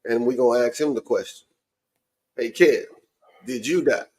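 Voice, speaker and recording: A podcast host with a mid-range, darkish voice talks at a moderate pace. He chats about sports with his friends in a relaxed, colloquial way.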